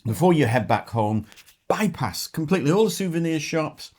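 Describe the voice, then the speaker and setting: A man's voice: a little high, lively intonation, moderate pace, darkish tone. A middle-aged man co-hosting a travel vlog, chatting casually while tasting food and talking with his mouth full.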